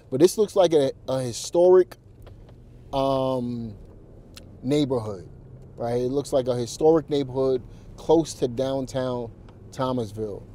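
Mellow-voiced man in a casual vlog. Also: medium pitch. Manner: talks straight to viewers with many fillers and restarts. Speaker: real estate investor. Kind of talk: casual walk-through vlog. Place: outdoors at a house, then in a car.

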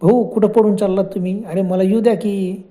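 A man puts on a mocking female ghost disguised as a village woman, teasing her fleeing victims in a spoken horror tale. The voice is very dark and mellow. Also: sits high, steady tone, fairly quick, close to an everyday voice. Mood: taunting. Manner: taunting.

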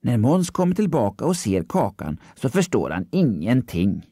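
Expressive male storybook narrator. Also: medium pitch, breathy edge, dry recording, clean studio sound. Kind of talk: scripted children's story narration.

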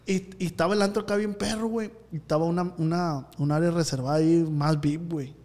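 Man, casual podcast host, slangy anecdotes, acts out voices, slightly high voice, long room reverb. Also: steady tone, quick pace, darkish tone.

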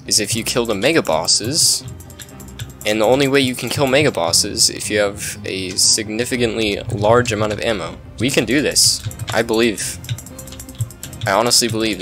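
A man's voice: fairly low pitch, bright, forceful tone. A young man giving casual, self-mocking commentary over his own gameplay, breaking into yelps and laughter when things go wrong. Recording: faint music behind.

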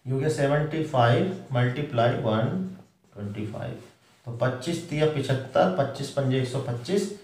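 A man's voice: medium pitch, normal speed, darkish tone. A man with a Hindi accent teaching an exam-prep math lesson step by step, asking questions aloud and then answering them himself. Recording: echoey room from far off.

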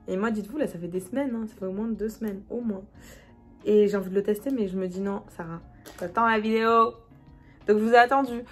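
Chatty young woman with a Marseille accent. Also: mid-range voice. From France. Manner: chatty, slangy, laughs often, drops into murmurs while applying makeup. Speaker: beauty vlogger. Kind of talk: casual makeup review chat.

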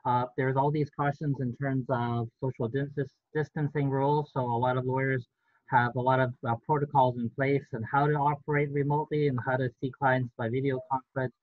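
A middle-aged man walks listeners through legal points on a panel video call, steady and explanatory with frequent ums. His voice comes through a thin, phone-like line. There is no room echo at all. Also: medium pitch. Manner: explanatory, measured, frequent fillers. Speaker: real estate lawyer. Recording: dry, tinny phone-like line.

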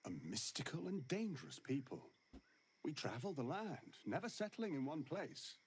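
An actor playing a wry, world-weary wandering monster hunter in a video game, with dry, sardonic delivery. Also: male voice, on the high side, very animated, moderate pace, a little hiss or hum. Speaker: game character.

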